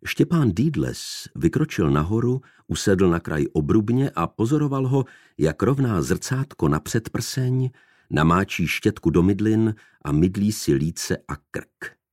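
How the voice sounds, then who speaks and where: A man reads a literary novel aloud in a measured, expressive manner. His voice is deep and moves widely in pitch. The recording is close and dry. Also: no echo. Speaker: audiobook narrator. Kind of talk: literary narration.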